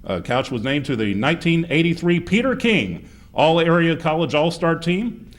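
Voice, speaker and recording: A man's voice: a little high, very animated, normal speed. A man, acting as master of ceremonies and reading a formal introduction. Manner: formal, reads with asides.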